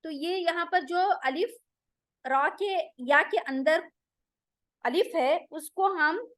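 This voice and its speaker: A woman teaching Quran recitation rules, explaining patiently and drilling pronunciations slowly, one sound at a time. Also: extremely high pitch, fairly bright tone, no room sound. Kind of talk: online tajweed lesson.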